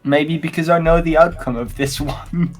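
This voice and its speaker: A man's voice: a little high, moderate pace, soft background music. A man giving casual commentary while playing a game, hesitant and giggly as he muses over choices. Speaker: let's-play player.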